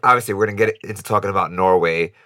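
A man hosting a casual podcast interview, chatty and quick to laugh, often repeating words as he starts a question. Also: low-pitched, sharp tone, no echo, studio quality. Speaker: podcast host.

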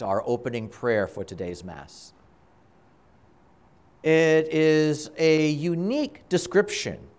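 Slow, deliberate male priest preaching. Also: mid-range voice, smooth. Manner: measured, deliberate, with dramatic pauses between short phrases. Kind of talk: Gospel reading and homily at Mass.

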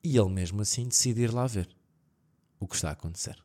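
A man's voice: on the low side, fast talker. A man with a European Portuguese accent, casually telling creepy stories on a podcast and acting out the voices in the story. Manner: animated, acts out voices in shouts, laughs often.

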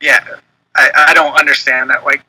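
Bright, husky-voiced man chatting. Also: mid-range voice, level tone, normal speed, no echo, low-quality recording. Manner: hesitant, many fillers. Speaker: podcast co-host. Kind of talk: casual chat.

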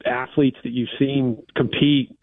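A man's voice: medium pitch, level tone, takes it slowly, dry recording. A man's voice arrives over a remote satellite hookup, thin and narrow like a phone call, with a dry, close sound. He is a Pittsburgh-raised athletics official chatting easily as a radio guest, leaning on "you know" as he talks. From Pittsburgh, USA. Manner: easygoing, many "you know" fillers. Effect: remote satellite line, phone-like sound. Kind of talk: casual radio interview. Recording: tinny remote phone-like line.

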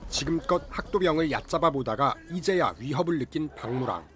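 A man's voice: a little high, animated, brisk, a bit bright, slight background noise. A man delivering scripted film recap narration in a formal storytelling manner.

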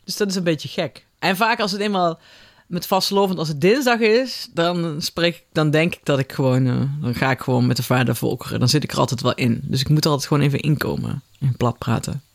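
A man's voice: fairly high pitch, a little fast, creaky. A middle-aged man from the south of the Netherlands. He chats casually, often breaking off his own sentences and circling back as he tells a story. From Limburg, Netherlands. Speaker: podcast guest. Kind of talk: casual chat.

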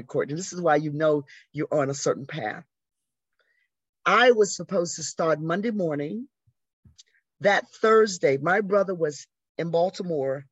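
An older woman, an arts educator appearing as an interview guest, tells stories conversationally with animation, acting out the voices she quotes. Her voice is deep and husky. The recording is dry, echo-free, and slightly dull, with a lo-fi quality.

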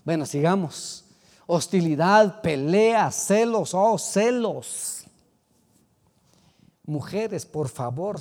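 A man preaching a sermon as pastor, swinging from loud exclamations to quiet asides. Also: a little high, in a large hall.

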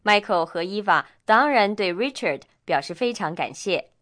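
Lady co-hosting a radio english lesson, lively up and down voice. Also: medium pitch, moderate pace. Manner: chatty, explanatory. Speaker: language lesson co-host.

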